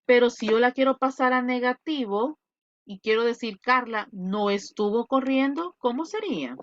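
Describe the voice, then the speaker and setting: A woman with a fairly high voice teaches an English class online, speaking Spanish as her tongue. She talks in an animated way and asks questions on her students' behalf. The recording is dry and a little muffled. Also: moderate pace, no room sound.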